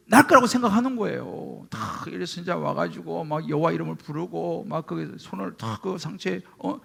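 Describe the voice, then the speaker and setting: A man's voice: high voice, vocal fry, husky. A middle-aged man, a pastor preaching a sermon and acting out voices as he tells stories. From Gyeongsang region, Korea. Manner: animated storytelling, acting out quoted speech.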